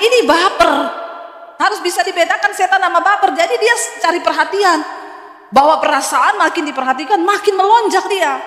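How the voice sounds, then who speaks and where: A middle-aged woman pastor from Indonesia preaching a sermon, lively storytelling with humor and acted dialogue. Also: very high-pitched. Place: large church hall. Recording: echoey hall reverb.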